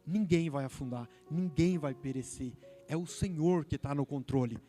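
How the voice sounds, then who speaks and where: High-voiced Brazilian preacher, fervent. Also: male voice, moderate pace, dark tone, soft background music. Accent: Brazilian Portuguese. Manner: fervent, building to emphatic peaks. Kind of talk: sermon.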